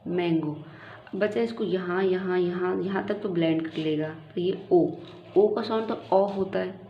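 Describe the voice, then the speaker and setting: Woman sounding out spellings, echoey room. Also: on the low side. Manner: slow, sounds words out letter by letter. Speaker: teacher and channel host. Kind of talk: instructional explanation for parents. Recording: muffled, echoey room with faint hiss.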